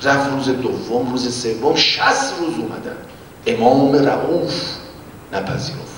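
A man preaching and retelling a religious story, swinging from loud exclamations to hushed whispers. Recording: echoey hall, distant mic, faint rumble.

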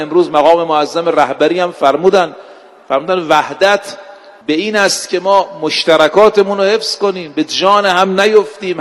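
A man giving a sermon, telling religious stories with slow, emphatic delivery and dramatic pauses. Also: high-pitched, in a large hall. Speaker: preacher. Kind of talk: sermon storytelling.

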